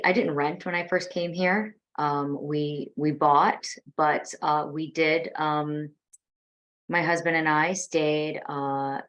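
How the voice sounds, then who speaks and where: A married woman on a panel, recalling her house hunt with frequent hesitations. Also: sits low. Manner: hesitant, lots of fillers. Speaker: panel guest. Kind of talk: casual panel chat.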